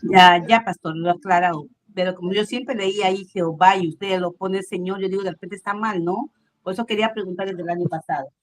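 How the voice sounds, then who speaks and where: Female congregant, Peruvian accent, polite and halting questions, average voice. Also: on the low side, steady tone. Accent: Peruvian Spanish. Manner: hesitant, polite, with many "¿no?" tags. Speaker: church member asking questions.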